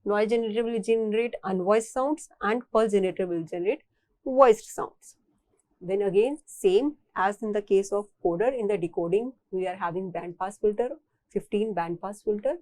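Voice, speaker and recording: Recorded roughly but without echo, a woman speaking at normal speed in a mid-range voice gives a technical engineering lecture in an Indian accent. She breaks things down step by step and keeps restating her phrases in different words.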